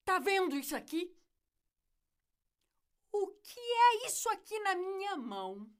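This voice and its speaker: A woman's voice: very high-pitched, big pitch swings, slow, full character voice. A woman playing a stern, volatile mother of a young child in a drama. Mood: furious.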